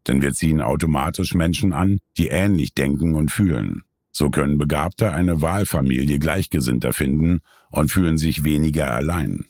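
A man reading a scripted nonfiction summary in a calm, measured way. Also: very deep voice, vocal fry, husky, no room sound, studio quality. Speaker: narrator.

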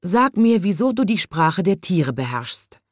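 A woman voicing a puzzled middle-aged male zoo director, speaking slowly and measuredly in a storybook reading. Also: medium pitch, lively intonation, darkish tone, dry recording, clean studio sound, natural voice.

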